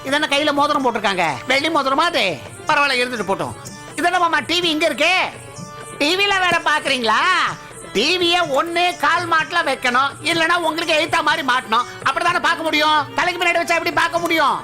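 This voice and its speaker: A woman's voice: high voice, fast talker, sharp tone. A woman dubbing a playful young woman in a film, chatty and teasing, over a film soundtrack with music.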